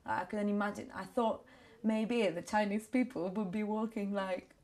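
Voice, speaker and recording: A woman's voice: medium pitch, fairly even intonation, moderate pace, a little mellow. A woman thoughtfully recalling how her childhood self puzzled over the world, in an interview. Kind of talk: reminiscing about childhood.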